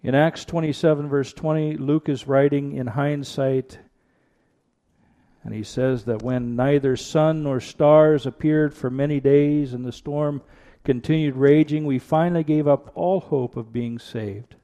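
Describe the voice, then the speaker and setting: A pastor preaching an earnest sermon into a pulpit microphone in a church, repeating rhetorical questions for emphasis. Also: male voice, on the high side, steady tone, a little slow, dark tone. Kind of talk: sermon with prayer and scripture reading.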